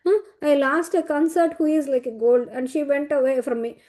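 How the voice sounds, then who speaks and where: Woman doing a hurt god begging for healing, plaintive, high mellow voice. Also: moderate pace, lightly acted. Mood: pleading. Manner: plaintive, pleading. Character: Srinivasa, wounded poor god, male, pleading.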